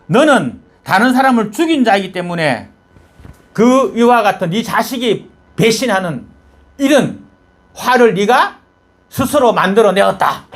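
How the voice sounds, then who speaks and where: A man voicing a bitter old man who taunts and curses a king, in a husky voice. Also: high-pitched, big pitch swings, a little slow, heavily acted. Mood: cursing, taunting. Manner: shouting insults, taunting.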